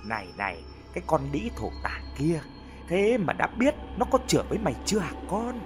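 A man voicing a stern mother who berates her grown son in a sharp, cutting way. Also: lowish voice, big pitch swings, unhurried, soft background music, exaggerated voice. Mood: scolding.

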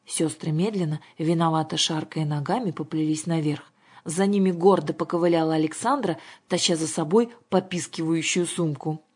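A woman narrating a children's story in an expressive reading. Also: deep voice, moderate pace, husky. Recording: faint music behind.

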